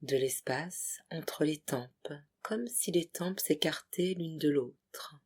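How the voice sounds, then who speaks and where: Speaking slowly in a mid-range voice, a yoga nidra guide leads a relaxation in short, separated phrases. Her delivery is soothing and hushed, breathy enough that it sometimes nears a whisper.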